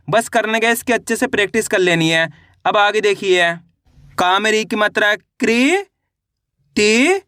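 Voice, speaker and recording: A male teacher with a high, ringing voice walks through a reading lesson. He sounds out each syllable slowly before joining them into the full word. The recording is close and dry, with no room sound. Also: bright, forceful tone, no echo. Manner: spells out each syllable then blends the word.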